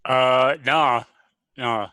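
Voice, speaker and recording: A man's voice: mid-range voice, fairly even intonation, drawn-out words, sharp tone, dry recording. A man playing a tabletop role-playing game, laid-back and jokey. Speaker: player. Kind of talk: tabletop game play, casual chat.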